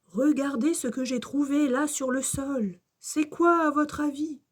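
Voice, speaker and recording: A woman's voice: high-pitched, fairly even intonation, measured pace. Woman voicing a wise old male dinosaur. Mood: explaining. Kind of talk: children's storybook reading.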